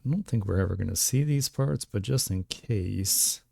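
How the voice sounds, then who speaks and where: A man's voice: fairly low pitch, expressive, normal speed, creaky, a little mellow, dry recording. A man streaming his digital art and chatting casually, laid-back and rambling, with lots of laughter and filler words. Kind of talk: casual chat while drawing on stream. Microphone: desk mic with webcam.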